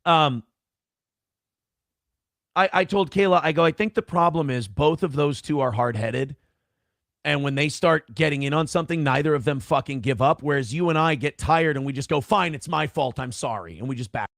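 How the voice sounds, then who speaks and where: A man with a somewhat high, gravelly voice tells a tangled personal story in casual, profane, rambling talk. The sound is close and dry. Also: normal speed, fairly bright tone, no echo. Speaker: guest telling his story. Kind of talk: casual storytelling on a call-in show.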